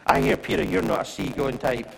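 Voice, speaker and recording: Gravelly preacher, lively delivery. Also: male voice, mid-range voice, brisk, rough recording. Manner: chatty, asks the audience questions. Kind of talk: conversational sermon.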